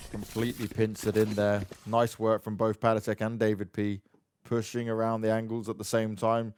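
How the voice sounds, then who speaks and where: A man casting an esports match play by play, getting sharply louder and higher on big plays. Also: completely flat delivery, moderate pace, clear, resonant tone. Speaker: esports caster. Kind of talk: play-by-play commentary.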